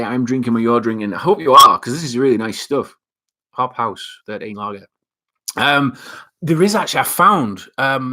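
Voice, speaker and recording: A young man with a Northeast England accent and a medium-pitched, slightly bright voice hosts a casual live chat. He reads viewer comments aloud, rambling with plenty of fillers and restarts.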